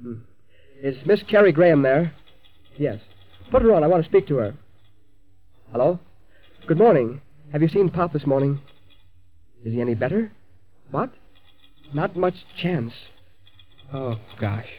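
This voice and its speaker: An earnest railroad superintendent with a fairly high voice, plain-spoken and in charge. The sound is the muffled, lo-fi audio of an old radio serial. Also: male voice, expressive, moderate pace, pauses often. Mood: worried, subdued. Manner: urgent, plain-spoken, commanding. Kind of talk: old-time radio drama acting. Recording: dull, lo-fi old radio recording.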